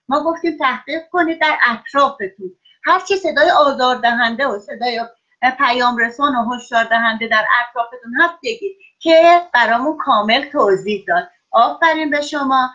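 A woman's voice: high-pitched, sharp tone. A woman teaching children in an online class, praising and encouraging each pupil by name. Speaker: schoolteacher. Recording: dull lo-fi online call audio.

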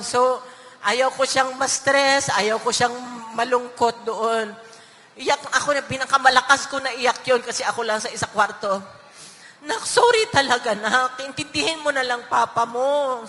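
A middle-aged woman near tears, telling a family story in halting pieces to a rally crowd from a stage. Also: on the high side, sharp tone, in a large hall. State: on the verge of tears. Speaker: rally speaker. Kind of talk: emotional speech at a political rally.

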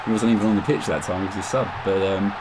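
Fast, deep-voiced football podcaster. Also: male voice, steady tone. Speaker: podcast pundit. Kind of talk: casual football discussion. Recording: loud crowd and noise behind.

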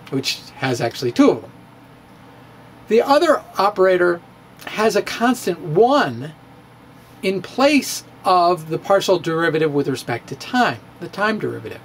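In a home study with shelves of books, a middle-aged man reads his own physics blog in a playful, theatrical style, chuckling and making asides. His voice sits high. He is recorded indoors on a close studio microphone on a stand, with slight background noise.

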